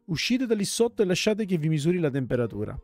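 A man voicing a kind young woman teacher while reading game text aloud, in a soft, caring way. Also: on the high side, very animated, fast, no echo. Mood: gentle.

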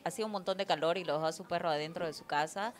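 A woman's voice: on the low side, rapid-fire. A woman co-hosting a casual chat, complaining in a rambling, exasperated way. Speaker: panel co-host.

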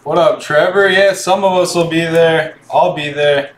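A man speaking slowly and evenly as he hosts a live card break, naming cards and answering viewers. His voice sits a little higher than most men's. It sounds echoey, with a faint hiss in the background. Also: steady tone. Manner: slow, low-key calling of cards while chatting to viewers. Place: indoor room with card boxes on a table.

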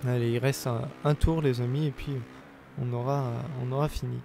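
A man's voice: medium pitch, fairly even intonation, normal speed, creaky, background noise. A young man with a sore throat giving chatty, hesitant commentary on his own gameplay. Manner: chatty, hesitant, bursts of playful cheering. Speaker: let's play gamer. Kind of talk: casual game commentary.

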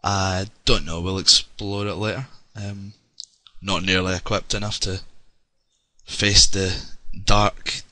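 In a low, level voice at a slow pace with a sharp tone, a young Scottish gamer narrates his let's play. His casual commentary is chatty and rambling, with many ums, and the recording is dry.

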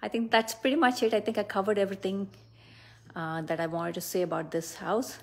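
Brisk and creaky, with medium pitch and a steady tone, this middle-aged woman is a real estate agent giving a casual house tour. She walks indoors unscripted, speaking enthusiastically about what she shows and recording on a handheld phone.

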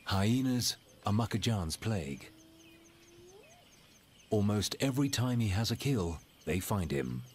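A man narrating a scripted wildlife documentary in a measured, dramatic storytelling manner with deliberate pauses. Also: on the low side, very animated, slight background noise.

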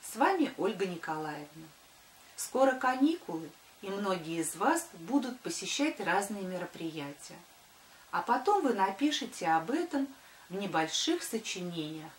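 A woman's voice: mid-range voice, very animated, normal speed. A woman, a primary school teacher giving a scripted address to pupils. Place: small wood-panelled room indoors. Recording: echoey room.

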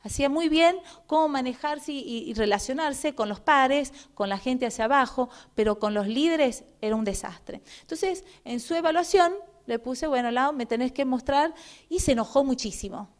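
Animated Argentine woman giving a talk. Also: sits high, moderate pace. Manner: animated storytelling, frequent "eh" fillers, acts out dialogue. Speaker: guest speaker. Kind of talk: public talk with personal anecdotes.

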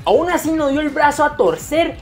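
A woman's voice: sits high, expressive, moderate pace. A woman narrating casual anime commentary in a slangy, jokey way with crude humor. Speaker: anime video essayist. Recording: faint music under the voice.

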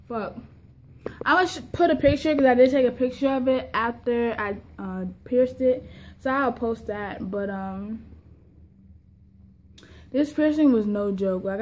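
Holding her phone at arm's length indoors in a kitchen, a young woman chats profanely in a casual vlog, a fresh tongue piercing giving her a slight lisp and impediment. Her voice is a little high and a little mellow, with clear room noise in the background.

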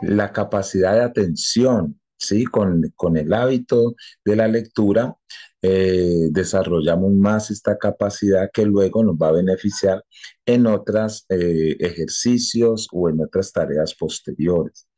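A man teaching a lesson, explaining at a measured pace with frequent filler sounds and tag questions. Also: low voice, warm tone. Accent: Colombian Spanish. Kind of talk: classroom explanation.

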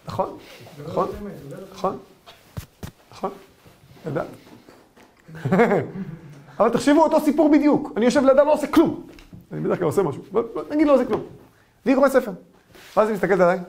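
A man, a rabbi giving a lesson, telling humorous stories in an animated way. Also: extremely high pitch, creaky, pauses often. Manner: animated storytelling, acts out voices.

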